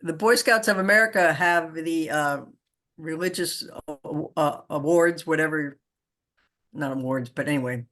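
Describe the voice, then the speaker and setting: Female group member, bright forceful tone, halting, self-correcting. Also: low-pitched. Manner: groping for words, halting. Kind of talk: group discussion.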